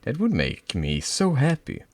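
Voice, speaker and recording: A man with a medium-pitched natural voice pitches himself higher to voice a frightened, hurt teenage schoolgirl, his pitch swooping wildly at an unhurried pace in a heavily acted performance. The distressed girl stammers and pleads, rising to shouts. No room sound is audible.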